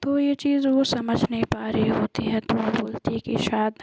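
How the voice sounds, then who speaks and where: A woman casually retelling a love story in a soft, half-whispered voice, pausing often on fillers. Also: a little high, steady tone, creaky, very noisy. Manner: hesitant, many filler pauses.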